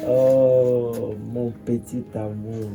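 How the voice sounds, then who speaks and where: With a Cameroonian French accent, an actor plays a smooth-talking older man courting a young girl, coaxing and wheedling. His mid-range voice moves very slowly with little pitch variation, and music plays in the background.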